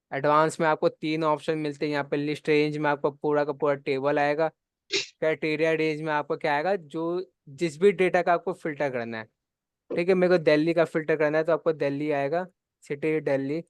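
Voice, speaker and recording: Clear-voiced male computer instructor. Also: a little high, steady tone, moderate pace, dry recording. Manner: patient, repeats steps with check-ins. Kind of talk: live online spreadsheet lesson.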